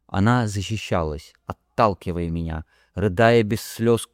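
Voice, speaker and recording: A man narrating an audiobook in the first person, measured and grave, on a close studio mic. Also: lowish voice, dry recording.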